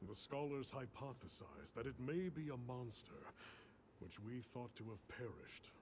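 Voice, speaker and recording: An actor as a grave guild commander over noisy game audio. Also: male voice, mid-range voice, lively intonation, close to an everyday voice. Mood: formal. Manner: formal, grave, deliberate. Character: stern, measured middle-aged male guild commander briefing a hunter. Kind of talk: scripted cutscene exposition.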